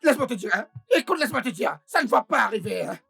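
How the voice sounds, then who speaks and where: Woman dubbing a whiny, raspy male servant. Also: a little high, lively intonation, fast, fairly bright tone, soft background music, exaggerated voice. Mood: scheming. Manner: stammering, wailing pleas. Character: whiny male house employee, grovelling, scheming. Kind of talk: French film dub.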